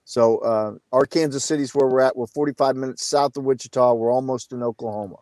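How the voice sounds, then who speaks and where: A man's voice: medium pitch, steady tone, a little fast, a little mellow, dry recording. A man in his fifties, a college basketball coach, answering interview questions casually over a video call, with many fillers. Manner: many uh fillers, plain-spoken.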